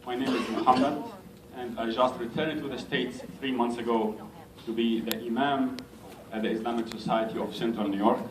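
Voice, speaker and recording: A man from Egypt, an imam giving an unhurried, gently self-mocking speech to a community gathering in a large hall. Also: medium pitch. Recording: echoey hall, mic at a distance.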